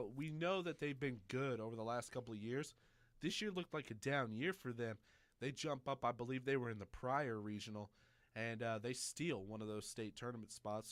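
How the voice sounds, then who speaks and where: A man's voice: mid-range voice, a bit bright, no echo. Man, sports talk host, chatty, joking, dry close mic. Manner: chatty, joking, lots of fillers. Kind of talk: high school sports talk show.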